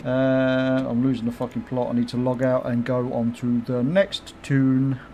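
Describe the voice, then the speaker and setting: A man's voice: mid-range voice, little pitch movement, measured pace, warm tone, slight background noise. A middle-aged man chatting casually on his game livestream, swearing freely, laughing often and reacting to chat comments. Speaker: game streamer.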